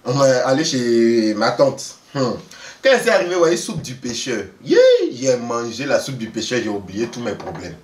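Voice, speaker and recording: A man telling a story in a lively, casual way, often laughing and acting out the people he quotes. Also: mid-range voice, normal speed, recorded from a distance. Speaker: vlogger telling a travel story. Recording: roomy echo, voice away from the mic.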